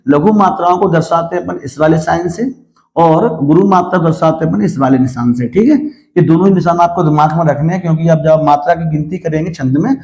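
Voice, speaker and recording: A man teaches a grammar lesson in a fairly high but mellow voice, calling his students "beta" and pausing often to check that they follow. He poses questions and answers them himself, and recites verse lines slowly and deliberately. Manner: addresses students as "beta", checks with frequent "theek hai". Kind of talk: classroom-style lesson.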